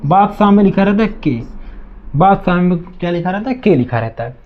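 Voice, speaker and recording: High-voiced man teaching, muffled sound. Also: animated, moderate pace, a little hiss or hum. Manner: asks questions and answers them himself, repeats words; addresses students as children. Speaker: maths teacher. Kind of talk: classroom lesson.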